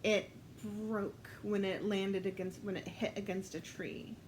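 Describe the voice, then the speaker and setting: Woman, casual storyteller at a card game, slow and thinking aloud, higher voice, faint hiss in the background. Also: level tone, darkish tone, low-quality recording. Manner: unhurried, laughs often, thinks aloud.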